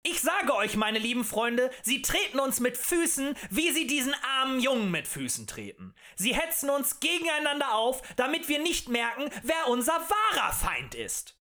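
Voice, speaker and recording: A man voicing a fiery male demagogue who rants and shouts at a tavern crowd in an audiobook. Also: extremely high pitch, sing-song, moderate pace, hardly any pauses, voice pushed up, heavily acted. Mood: ranting. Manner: ranting, shouting, rhetorical and accusing.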